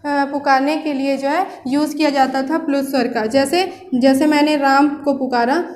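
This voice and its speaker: A woman with a central Indian Hindi accent teaches a recorded grammar lesson in a high voice. She is patient and checks in with her students again and again. The room around her rings with echo. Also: fairly even intonation, normal speed, darkish tone. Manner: patient, repeats "ठीक है ना" as a check-in. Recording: roomy echo.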